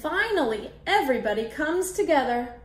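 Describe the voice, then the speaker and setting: Seated at a table in a small room, a storyteller in her twenties gives an animated, deliberate reading of a picture book for children, asking her young audience questions along the way. Her voice sits high. The audio is echoey, with clicks in the background noise.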